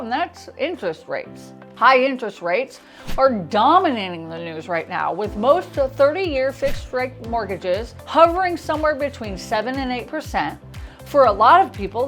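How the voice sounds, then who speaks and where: American woman, slightly high voice, lisp, whistling s, scripted explainer delivery, realtor host, music underneath. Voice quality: lisp with whistling s sounds from dental work.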